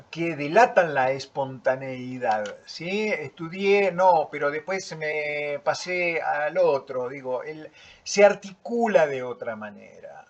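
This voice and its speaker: A man, teaching a lecture in a slow, deliberate manner and often checking in with "¿sí?". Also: a little high. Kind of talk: lecture reviewing student work. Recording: dull lo-fi recording.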